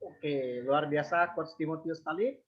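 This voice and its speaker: A man's voice: on the high side, a little slow. A man hosting an online seminar, upbeat and praising his guest as he moderates questions. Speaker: webinar host and moderator. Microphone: video call. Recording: muffled video call audio.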